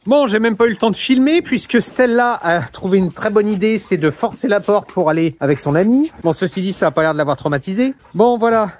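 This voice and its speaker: A young man who runs a dog boarding kennel narrates a casual vlog outdoors on a handheld phone. His voice sits high and sounds expressive, brisk, and nearly pause-free as he chats playfully and calls to the dogs.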